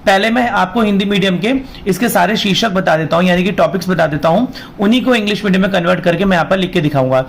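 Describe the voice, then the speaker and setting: A man with a high-sitting, gravelly voice speaks at a quick pace, with a little hiss or hum in the audio. He has a sore throat and is a law teacher running an online class, giving an informal exam lesson in Hindi mixed with English terms, explaining and repeating key points.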